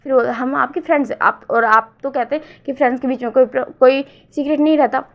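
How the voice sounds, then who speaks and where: A woman's voice: high-pitched, steady tone, fast. A woman doing a teasing young male friend. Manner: playful, teasing. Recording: dull lo-fi recording.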